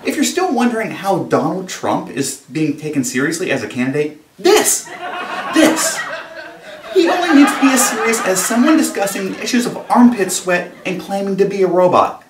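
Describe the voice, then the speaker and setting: A man's voice: sits high, sing-song, brisk, hardly any pauses, noisy background. A man hosting a satirical comedy news show, delivering wry, sarcastic commentary. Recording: roomy, distant mic with music and audience laughter.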